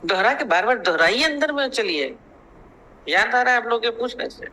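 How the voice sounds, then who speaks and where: A man's voice: extremely high pitch, animated, moderate pace, sharp tone, poor audio. A man giving a spiritual discourse as a teacher. He tells stories, acts out their dialogue, and repeats phrases to press his point. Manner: storytelling, acting out quoted dialogue.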